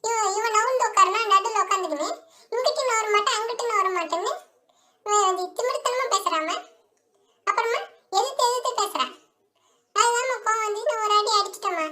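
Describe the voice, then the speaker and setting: A bossy, quarrelsome elder sister doll in a homemade toy story, voiced by a female performer. She speaks in a high, bright tone, defending herself with a grumbling edge. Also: fairly quick. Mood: defensive.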